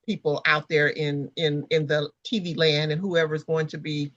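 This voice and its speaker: A woman co-hosting a podcast in casual chat, pausing often with fillers and restarts. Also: sits low, flat delivery, a bit bright, no room sound, highs cut off. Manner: halting, many restarts and fillers. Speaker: podcast co-host.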